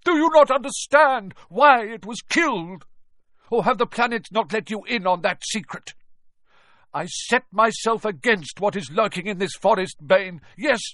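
A man voicing a noble young male centaur who speaks gravely and protectively, low and measured in an audiobook reading. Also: big pitch swings, no echo. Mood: bellowing, angry. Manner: solemn, low and measured, bellowing when angered.

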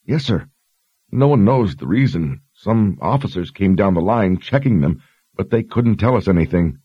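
A man's voice: on the low side, animated, moderate pace, breathy edge, no room sound, lo-fi sound, voice pushed up. A man voicing a frightened, dutiful young woman sergeant who speaks earnestly and deferentially. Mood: anxious.

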